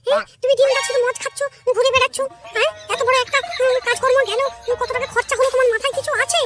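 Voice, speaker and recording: Cartoon wife, very high and shrill, scolds fast as a performer puts her on; music loud behind. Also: steady tone. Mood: nagging. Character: sharp-tongued village wife, woman. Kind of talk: cartoon voice acting.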